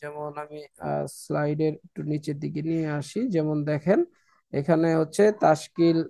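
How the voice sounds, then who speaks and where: A man teaching Quran reading in an online lesson, pausing often with filler sounds and drilling syllables slowly. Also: a little high, completely flat delivery, gravelly, warm tone, no room sound.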